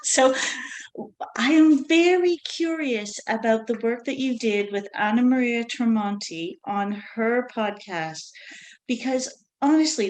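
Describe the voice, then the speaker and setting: A woman's voice: on the high side, a little mellow, rough recording. A woman in the audience asking the guest a question over a video call, enthusiastic and curious. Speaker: audience member. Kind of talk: virtual Q&A question.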